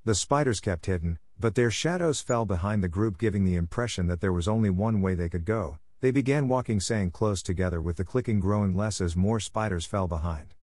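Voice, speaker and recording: A man giving steady, scripted narration of a fantasy adventure story. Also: low-pitched, fairly quick, hardly any pauses, no echo, clean studio sound.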